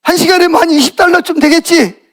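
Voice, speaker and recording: Man voicing a curt, worn-out father, high-pitched and brusque, storybook dad in a sermon. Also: animated, moderate pace, a bit bright. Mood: irritated. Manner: curt, snappish. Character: tired irritable working father in his thirties.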